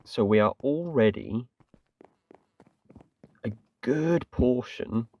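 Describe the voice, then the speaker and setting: Poor audio with no room sound captures a distant man of medium pitch, animated yet slow, his tone slightly mellow. He's an English gaming channel host giving casual, rambling commentary on his gameplay, self-deprecating and full of fillers such as "kinda."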